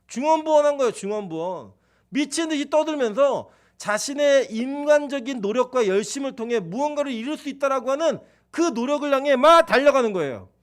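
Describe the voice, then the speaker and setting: Male pastor, high and lively voice, chatty preaching style with acted-out quotes. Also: brisk. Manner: animated, conversational preaching with playful acted-out quotes. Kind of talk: sermon.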